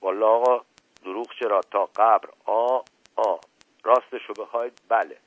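A man's voice: fairly low pitch, steady tone, dry recording. A male narrator voicing an evasive, folksy old male servant who drags out his words, on a tinny lo-fi radio recording. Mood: stubborn. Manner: drawn-out rustic turns of phrase.

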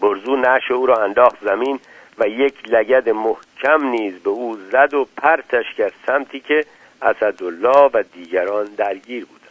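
A man's voice: mid-range voice, no room sound. Male storyteller, dramatic reading with character voices, dry and muffled. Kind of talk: scripted story narration.

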